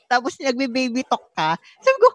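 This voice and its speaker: A woman chiming in with excited, teasing remarks in casual chat among friends. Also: high-pitched, fairly quick, dry recording. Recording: crowd chatter behind.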